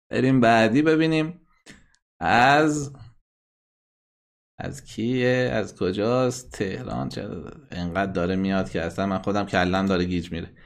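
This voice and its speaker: A male broadcast host with a mid-range voice who runs a call-in show. He talks bluntly and combatively, scolding people and hurling insults at those who cross him. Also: medium pitch. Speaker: host of a satellite call-in program. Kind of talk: live broadcast hosting, playing listener messages.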